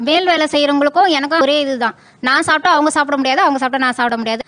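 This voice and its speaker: A woman cook makes her case on a debate show. Her voice is high and her words tumble out fast, with an aggrieved, pleading tone. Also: a bit bright. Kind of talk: telling her own experience.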